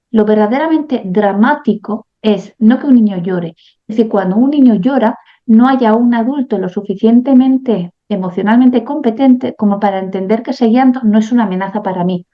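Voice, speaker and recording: A woman speaking as a guest on parenting, explaining things calmly and step by step, often checking in with the listener. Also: mid-range voice, muffled recording. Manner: calm and didactic, often asks "¿no?". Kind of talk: explanatory interview talk.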